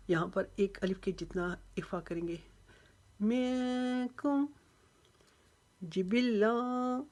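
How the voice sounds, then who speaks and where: A woman with a low, slightly mellow voice teaches the rules of Quran recitation step by step. In this tajweed lesson she patiently and methodically explains how each sound is drawn out.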